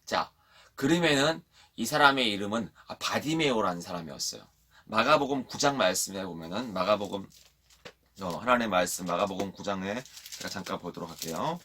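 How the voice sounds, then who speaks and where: A man preaching a sermon to children at a church online service, telling the story in a lively way and asking the children questions. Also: on the low side, brisk, crowd noise.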